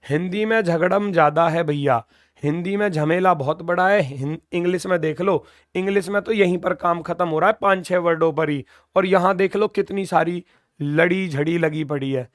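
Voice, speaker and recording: A man's voice: sits high, normal speed, no room sound, studio quality. A young man teaching an exam-prep lesson, patiently repeating key terms and asking his students questions. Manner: addresses viewers as brother, jokes casually.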